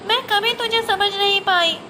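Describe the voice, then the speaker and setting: A woman's voice: very high voice, normal speed. A woman playing a jealous, boastful young girl in a homemade family skit, with a whiny, teasing delivery. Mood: remorseful. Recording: noisy home recording.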